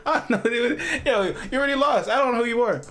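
A man's voice: very high-pitched, very fast, pushed and bright. A man hosting a reaction video, chatting in a slangy, amused way and repeating himself. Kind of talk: casual reaction commentary.

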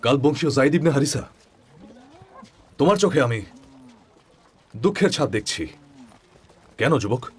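A man voicing a friendly, welcoming merchant host in a dubbed drama, with a husky voice. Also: medium pitch, expressive, a little slow, pauses often. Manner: welcoming, hearty.

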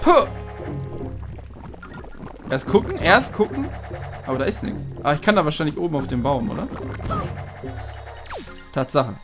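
Joking, slangy let's player. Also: male voice, a little high, big pitch swings, a little slow, long pauses. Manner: joking, slangy, swears at the game. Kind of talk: casual gameplay commentary. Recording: game music behind voice.

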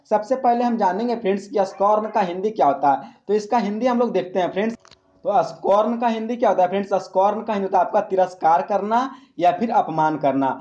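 A man with a high, darkish voice teaches an exam-prep English grammar lesson over lo-fi sound. He poses questions to the class and answers them himself, often calling his listeners "friends" and reading English example sentences slowly.

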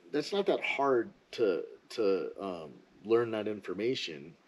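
A man's voice: lowish voice, darkish tone, breathy edge, rough recording. A man giving a casual, rambling, opinionated monologue as a ski vlogger.

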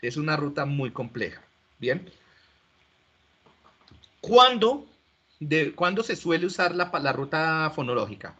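Man, lecturer, husky, asks questions, lo-fi call audio. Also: fairly high pitch, animated, normal speed, bright, forceful tone. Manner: explanatory, asks students questions, frequent restarts. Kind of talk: online class lecture. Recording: dull lo-fi audio.

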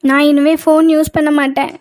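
A woman voicing a frightened young college woman in a cartoon, pleading in a flat, tearful way. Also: high-pitched, normal speed, no room sound, lightly acted. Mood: scared. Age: young adult. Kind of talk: cartoon voice acting.

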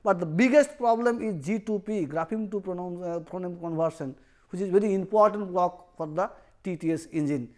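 High-voiced man lecturing. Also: a little fast. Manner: explains step by step, repeats key phrases. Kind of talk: university lecture.

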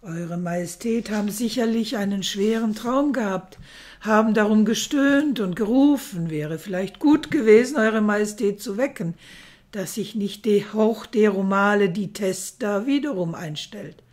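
A woman's voice: mid-range voice, a little slow, a little mellow, natural voice. A woman reading the lines of a deferential male valet addressing his emperor formally. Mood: dutiful. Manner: formal and dutiful.

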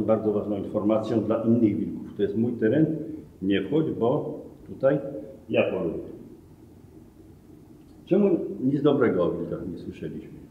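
A man's voice: fairly low pitch, a little hiss or hum. A middle-aged man guiding a museum talk, explaining things step by step and correcting himself now and then. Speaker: museum guide. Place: museum hall among glass display cases. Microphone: camera a few meters away. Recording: roomy, distant, phone-like thin sound.

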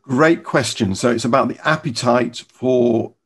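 Mid-pitched male webinar host. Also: unhurried, vocal fry, breathy edge. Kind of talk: informal moderating. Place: room at home, indoors. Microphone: desktop microphone on video call.

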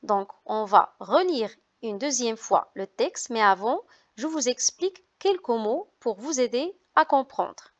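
Slow, high-voiced woman teaching reading. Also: expressive, highs cut off. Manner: spells out letters and repeats words for learners. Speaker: French teacher. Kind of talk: slow, careful reading and explanation lesson.

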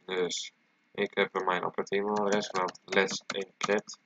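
A man with a low voice and a stuffy nose from a cold talks casually through a computer tutorial. The recording is dull and lo-fi, with clear noise and keyboard clatter behind him. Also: completely flat delivery, unhurried. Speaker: tutorial presenter. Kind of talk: casual screencast tutorial, talking while typing. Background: keyboard typing and clicking.

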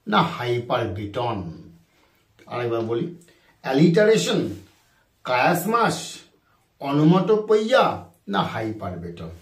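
Bengali-accented guy teaching english, talks slow and bouncy, echoey room, mic kinda far. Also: mid-range voice, darkish tone. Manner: slow, deliberate dictation of English questions, repeating options. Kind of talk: exam-prep lecture mixing Bengali and English.

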